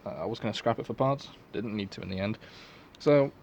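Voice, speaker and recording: A man's voice: fairly low pitch, fairly quick, creaky, darkish tone, highs cut off, slight background noise. A man giving a casual, unscripted product review in a rambling, offhand, sweary way. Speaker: collector and reseller reviewing gas masks.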